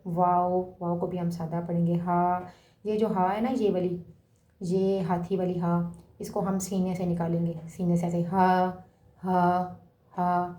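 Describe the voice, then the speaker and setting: A woman's voice: lowish voice, little pitch movement, echoey room. A woman teaching children to pronounce the Arabic letters for Quran reading, patiently repeating each sound and drawing it out. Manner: drawn-out sounding of letters, louder on the examples. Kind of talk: slow spoken lesson for children.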